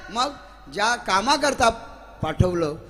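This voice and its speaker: A man preaching a devotional sermon to a live audience. He tells stories, asks the listeners questions and chants verses slowly. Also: sits high, animated, a bit bright. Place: gathering hall with a live audience. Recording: long reverb of a hall.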